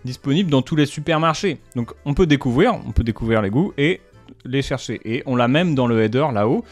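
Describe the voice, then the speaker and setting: A man's voice: mid-range voice, animated, fairly quick, a little mellow, faint music behind. A man giving casual, slangy commentary with punchy asides, breaking down a brand's marketing. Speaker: YouTuber analysing brand marketing.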